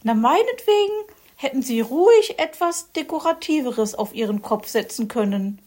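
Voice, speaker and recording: A woman's voice: on the high side, lively intonation, moderate pace, a little mellow, pitched above the performer's own voice. A woman voicing a vain, fussy female magpie who talks in an affected, prim way in a children's story.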